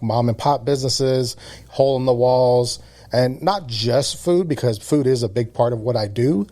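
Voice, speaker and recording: Man from florida, podcast guest, relaxed, measured, mid pitch. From Jacksonville, Florida. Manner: relaxed, measured, many ums and uhs. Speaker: podcast guest, food reviewer. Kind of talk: casual interview answers.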